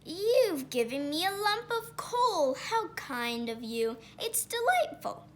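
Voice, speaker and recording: A woman voicing a polite, unflappable storybook gentleman with gracious, courteous manners. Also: very high-pitched, very animated, takes it slowly, slight background noise, exaggerated voice. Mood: delighted, gracious.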